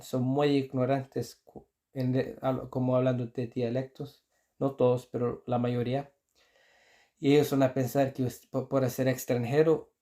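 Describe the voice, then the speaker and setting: A man's voice: mid-range voice, warm tone. A man whose first language is Icelandic, teaching Icelandic pronunciation in Spanish, repeating example words and restarting his sentences often. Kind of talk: explaining pronunciation to learners.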